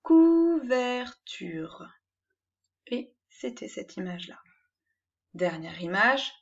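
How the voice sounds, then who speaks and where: A woman teaching a reading lesson, sounding out syllables one at a time and giving clear instructions to young learners. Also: a little high, animated, highs cut off. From France. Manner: slow, syllable-by-syllable dictation.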